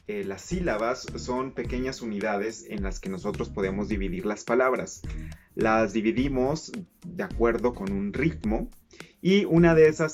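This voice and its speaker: A man teaching casually, stretching words out syllable by syllable to show how they sound. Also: on the low side. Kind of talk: casual explainer lesson.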